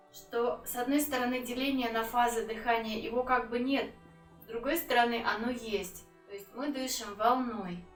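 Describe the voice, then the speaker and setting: Calm yoga lady guiding breathing exercises, pauses a lot, echoey and away from the mic. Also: a little high. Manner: calm, unhurried guidance with pauses between phrases. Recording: roomy echo, distant mic, music.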